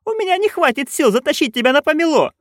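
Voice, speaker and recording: Nanny Ogg: a man doing a shrill old witch. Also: wildly swooping pitch, normal speed, dry recording, clean studio sound, heavily acted. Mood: shrieking. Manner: shrieking, scolding. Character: shrill loud old witch woman, bossy.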